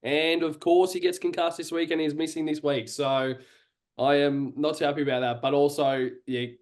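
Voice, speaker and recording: A man's voice: on the high side, level tone, moderate pace. Aussie guy hosting a footy chat, bit stammery, keeps wandering off on side notes. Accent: Australian. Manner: chatty, stammering, trails off into asides. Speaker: podcast host. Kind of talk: casual chat.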